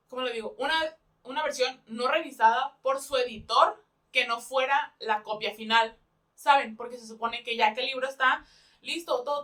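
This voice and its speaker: A woman's voice: high-pitched, bright, forceful tone, distant mic. A young woman with a Mexican accent in a casual book review chat, talking in a chatty way, often laughing and rephrasing herself.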